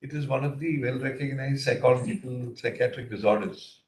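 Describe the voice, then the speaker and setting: A man's voice: mid-range voice, a little fast, slight background noise. A man with an Indian English accent questions counsel from the bench, hesitant and full of fillers. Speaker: judge on the bench. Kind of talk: courtroom questioning. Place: courtroom. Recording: echoey courtroom audio.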